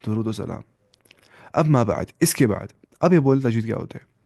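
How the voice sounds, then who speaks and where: A man's voice: fairly low pitch, lively intonation, creaky, dark tone, dry recording, clean studio sound. A man teaching a Quran tajweed lesson. He mixes English terms into his explanations and asks and answers his own questions.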